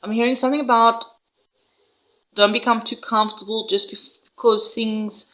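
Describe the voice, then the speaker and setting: A woman giving an intuitive tarot reading to viewers, speaking in an unhurried, reassuring way with frequent "all right?" check-ins. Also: a little high, fairly even intonation, fairly bright tone, poor audio. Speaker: tarot reader.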